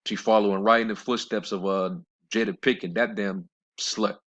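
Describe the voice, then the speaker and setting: A deep-voiced man rambles through scripture commentary, full of fillers and blunt, scornful asides. He reads the verses in a slower, measured cadence. The recording sounds dull and lo-fi. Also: fairly even intonation, fairly bright tone. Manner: rambling, with many fillers and restarts. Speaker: religious commentator.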